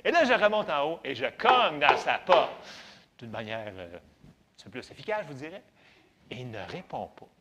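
A man with a Québécois French accent giving a faith testimony in an animated, conversational, self-mocking way. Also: a little high, moderate pace, muffled recording, slight background noise. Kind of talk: storytelling testimony to an audience.

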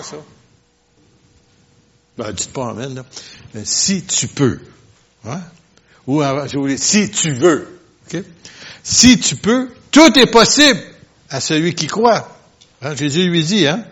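A male preacher gives a sermon and speaks straight to his congregation, full of questions and asides. He drops to near-murmurs, then surges into loud, forceful declarations. His voice sits at an ordinary pitch on a dull, lo-fi recording. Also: breathy edge. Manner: swings from quiet asides to loud emphatic bursts. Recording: lo-fi, dull sound.

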